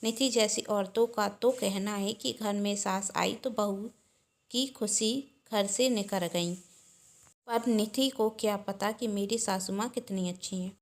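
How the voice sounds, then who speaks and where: A woman's voice: mid-range voice, steady tone, unhurried, natural voice. Lady reading a scheming young bahu, sugary fake-sweet talk, storybook style. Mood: sweet, false. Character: scheming young daughter-in-law, sweet-talking.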